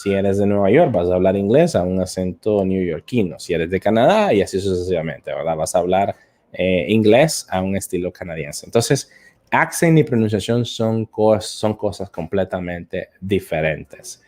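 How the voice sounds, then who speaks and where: Man, fairly low voice, live-stream teacher, hesitant, lots of fillers, repeats words. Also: lively intonation, normal speed, warm tone. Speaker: English teacher and host. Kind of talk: live-stream lesson answering viewer comments.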